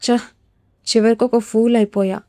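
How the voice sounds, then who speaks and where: A woman's voice: fairly high pitch, flat delivery, measured pace, warm tone, no room sound, studio quality. A woman voicing a heartbroken, defiant young wife in a storybook reading, tearful and reproachful. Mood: brooding.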